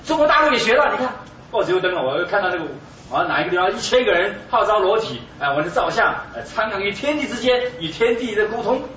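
A man with a high, bright voice delivers a Buddhist sermon, emphatic and exclamatory. He keeps firing rhetorical questions at his listeners. The recording is distant and dull, with a roomy echo and faint background noise. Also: very animated, fast. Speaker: Buddhist lecturer.

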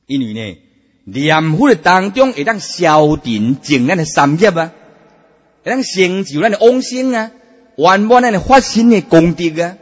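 Man, Buddhist sermon, emphatic, fairly high husky voice, long hall reverb. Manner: animated, emphatic, drawn-out particles. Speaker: Buddhist preacher. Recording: dull, echoey hall sound.

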